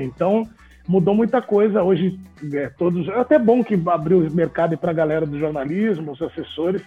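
A man, a sports journalist telling animated, laughing anecdotes in an interview. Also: sits high, husky. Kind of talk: casual storytelling in an interview. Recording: tinny phone-like audio with faint music.

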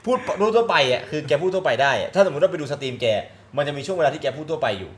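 A man's voice: a little high, animated, rapid-fire. A man in casual chat among friends, cracking crude jokes and swearing a lot. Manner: crude joking banter, heavy swearing.

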